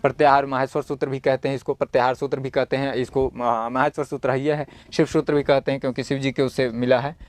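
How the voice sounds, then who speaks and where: A man with a medium-pitched, level voice talks fast with few pauses as he goes through a model Sanskrit exam paper. He reads lines aloud, explains them in plain Hindi, and keeps answering his own questions to the class, homely and encouraging, using everyday comparisons.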